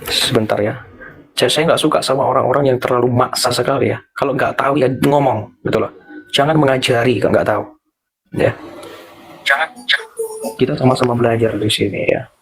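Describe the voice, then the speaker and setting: A young man talks through religious definitions on a live stream, circling back and repeating each point like a teacher. His voice sits at an ordinary middle pitch and his tone is conversational. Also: steady tone, fairly quick, vocal fry, noisy background. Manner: explanatory, repeats points, lecturing. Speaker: live stream host answering callers. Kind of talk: casual religious discussion.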